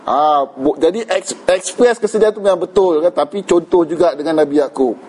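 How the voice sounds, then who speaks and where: A man's voice: on the high side, brisk, a little mellow, slightly rough, rough recording. A Malaysian man giving an informal religious lecture, conversational, mixing in English words and asking "kan?" often. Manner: conversational, mixes English words, frequent "kan?" tag questions. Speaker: religious teacher.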